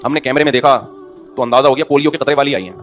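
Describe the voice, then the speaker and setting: A man's voice: mid-range voice, steady tone, rapid-fire, soft background music. A middle-aged male Islamic preacher giving a conversational sermon, telling everyday anecdotes with wry jokes and rhetorical questions to his listeners. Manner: wry, joking asides.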